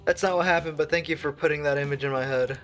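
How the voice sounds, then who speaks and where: A man giving casual gameplay commentary. He reads the game's text aloud, jokes with viewers and bursts into loud exasperated shouts. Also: fairly high pitch, steady tone, fast talker, soft background music. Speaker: gaming video creator.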